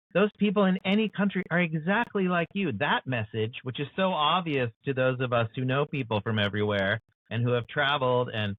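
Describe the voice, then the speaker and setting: An American man, appearing as an author guest, takes part in an earnest interview discussion. His voice is on the high side, and the call audio sounds dry and tinny, like a phone line.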